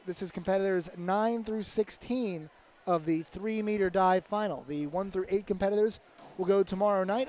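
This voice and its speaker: A man giving live commentary at a diving championship, briskly announcing each diver and score. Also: high voice, a little mellow, a little hiss or hum.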